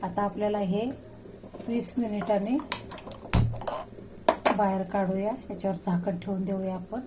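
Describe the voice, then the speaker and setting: Cooking host, woman, mid-range voice, calm step-by-step demo, home kitchen with audible clatter. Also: medium pitch, unhurried, heavy background noise. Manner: calm step-by-step instructions to viewers.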